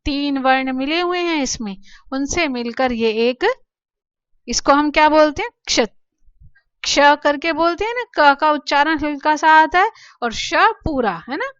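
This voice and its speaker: Slow patient woman teacher, high voice. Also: a bit bright, no room sound, dull audio. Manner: patient, asks questions and answers them herself. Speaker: Sanskrit teacher. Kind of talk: slow classroom explanation to children.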